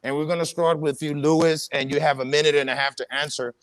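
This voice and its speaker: A man's voice: on the high side, fairly even intonation, quick pace, a bit bright, no room sound. A man hosting a live online panel discussion, speaking emphatically and repeating phrases in a preacher-like cadence. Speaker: host.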